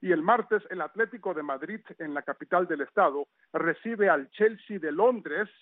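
A man's voice: sits high, normal speed, no echo. A man reading a radio sports news roundup in a conversational way, with chatty asides. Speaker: sports reporter. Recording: tinny phone-line sound.

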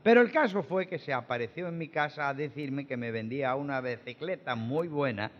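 A man's voice: medium pitch, lively intonation, fairly quick, slight background noise, lightly acted. A man playing a befuddled Cuban mail carrier in a radio comedy, plaintive and rambling. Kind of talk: 1940s radio comedy acting. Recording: dull old radio recording with long reverb.

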